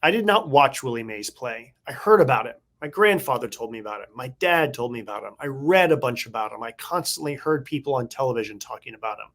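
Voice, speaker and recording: A man's voice: medium pitch, lively intonation, fairly bright tone. Reflective middle-aged man telling stories. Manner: reflective, nostalgic, drawn-out anecdotes. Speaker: podcast co-host, former baseball beat writer. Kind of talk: casual conversational storytelling.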